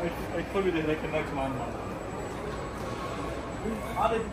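A man's voice: a little high, expressive, normal speed, heavy background noise. A man vlogging in a busy shopping mall, speaking casually and teasing while he talks to viewers on a handheld phone. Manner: chatty, teasing, addresses viewers. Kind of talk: casual vlog chat. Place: large indoor shopping mall.

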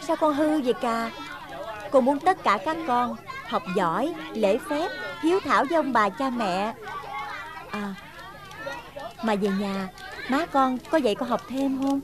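An actress playing a kind, patient schoolteacher, gently coaxing her pupils in a film drama. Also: on the high side, expressive, unhurried, pauses often, crowd noise. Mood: gentle. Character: kind young village schoolteacher, patient and caring.

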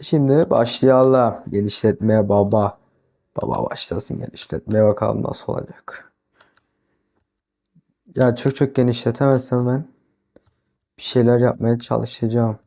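A young man commenting on his own gameplay in a mellow, dark-toned voice at a middling pitch. He mutters to himself as he works and often bursts into exasperated scolding. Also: steady tone, measured pace, gravelly, pauses often. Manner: talks to himself, flares into exasperated yelling at the animals. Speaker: gaming YouTuber. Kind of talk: casual Minecraft let's-play commentary.

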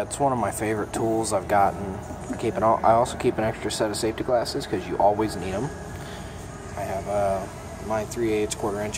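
A young mechanic with a lowish voice gives a casual show-and-tell tour of his toolbox inside an auto repair shop, filming first-person on a handheld phone. He talks in a relaxed, plainspoken way, full of ums and uhs, over shop noise and an air conditioning hum.

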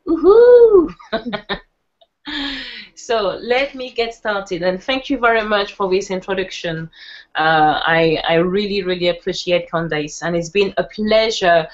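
Expressive and a little slow, a French-accented woman from France presents an informal online session in a mid-range voice. She's talkative, quick to laugh, and often uses fillers and restarts, all captured through muffled video-call audio.

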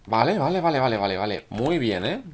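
Hoarse, excitable gamer man. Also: medium pitch, fairly quick. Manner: excitable, chatty, talks to viewers. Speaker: gaming YouTuber. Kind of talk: live gameplay commentary.

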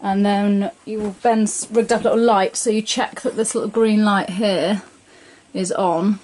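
A woman giving a relaxed, chatty tour of her sailboat, filling gaps with ums. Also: medium pitch, a little slow, poor audio. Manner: chatty, relaxed, lots of ums and "bits and bobs". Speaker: boat owner giving a tour. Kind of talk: casual explanation. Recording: handheld camera with clear background noise.

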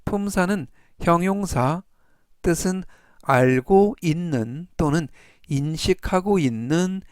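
A man teaching English vocabulary, repeating each word three times and reading example sentences slowly in a formulaic teaching delivery. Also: fairly high pitch, lively intonation, no room sound, clean studio sound. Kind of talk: slow instructional explanation.

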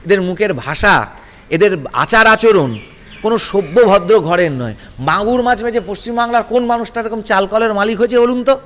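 In a heated political interview, a combative male guest fires off rhetorical grievances in bursts, his high-pitched voice lively in intonation and fairly bright in tone at normal speed. A long reverberant tail echoes around him, as in a large room.

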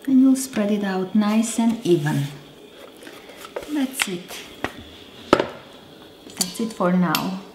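A woman in her thirties with an Armenian accent, hosting a casual cooking demonstration in chatty, self-correcting, halting English. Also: medium pitch, expressive, very noisy. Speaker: cooking show host. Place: roomy home kitchen, indoors. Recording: echoey kitchen with background music.

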